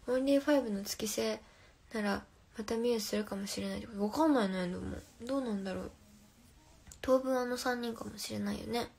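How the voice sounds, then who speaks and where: A woman's voice: on the high side, brisk, creaky, a little mellow, breathy edge. A young woman hosting a casual phone livestream, reading viewer comments aloud and answering playfully, often dropping to a whisper. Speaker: livestream host.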